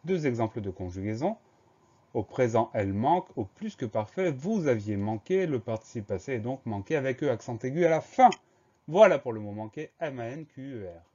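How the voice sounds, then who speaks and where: A man's voice: medium pitch, animated, brisk, warm tone, lo-fi sound. A male teacher leading a spelling lesson, carefully spelling words out letter by letter. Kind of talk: dictation lesson.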